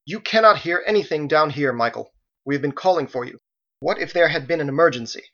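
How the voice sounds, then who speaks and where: A man's voice: mid-range voice, steady tone, a little fast, a bit bright, lo-fi sound. A man voicing a tense, guarded young woman fighter who speaks in clipped, commanding lines. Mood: urgent, scolding.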